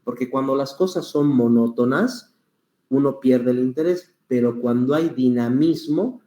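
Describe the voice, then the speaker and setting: A patient man teaching public speaking, walking through each point with examples. His voice is warm and mellow, and he plays with slow stretches and louder emphasis. The sound carries a roomy echo. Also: medium pitch, dull audio. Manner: patient, explains with examples, varies pace and volume deliberately. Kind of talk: online class teaching.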